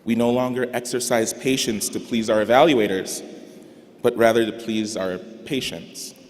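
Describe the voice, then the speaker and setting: A man's voice: medium pitch, steady tone. Young man giving a speech in an echoing arena. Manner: earnest, deliberate, with emphatic rises. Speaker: graduating student speaker. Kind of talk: commencement speech. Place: large arena. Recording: reverberant arena PA sound.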